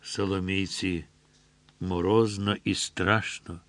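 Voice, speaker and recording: A man narrating a literary story in a low, measured voice. He takes his time over every phrase, and his tone stays somber. The recording is close and dry, with no room sound. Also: steady tone, a bit bright, no room sound. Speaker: audiobook reader.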